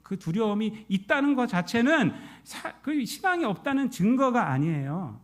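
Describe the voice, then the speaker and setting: High, animated male pastor preaching. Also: normal speed. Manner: preaches with rhetorical questions to the congregation; swings between loud emphatic peaks and soft low asides. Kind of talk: Sunday sermon.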